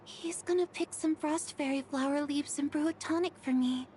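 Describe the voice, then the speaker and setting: A woman's voice: high-pitched, moderate pace, dark tone, slight background noise, lightly acted. An actress playing a sweet, modest young girl in a video game, hesitant and brave though ailing. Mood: weary, reassuring.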